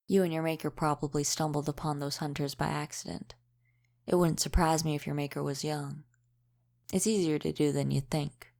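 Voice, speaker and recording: In an intimate audio roleplay, a woman plays a centuries-old, world-weary vampire who is gruffly protective, speaking in a gentle, reassuring way. Her deep, darkish voice is unhurried, wry and folksy, dropping her g's.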